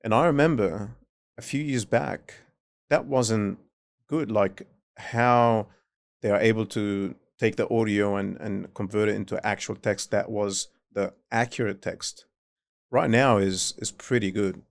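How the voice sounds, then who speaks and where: A man with a non-native accent hosts a casual podcast interview, his fairly low voice carrying vocal fry at a slightly slow pace. He probes with questions and often responds with quick affirmations. The recording is dry, with clean studio sound.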